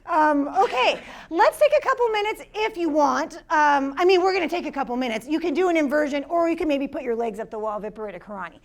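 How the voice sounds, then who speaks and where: A woman's voice: sits high, expressive, fast, hardly any pauses. A woman teaching a live yoga class, upbeat and encouraging, calling out students by name as she cues the poses.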